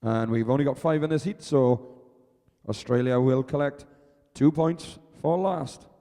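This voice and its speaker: A man's voice: mid-range voice, unhurried, dark tone. A Welsh man announcing a live event, chatting with and teasing the crowd between races. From Wales. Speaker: arena announcer. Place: outdoor arena. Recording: echoey arena PA.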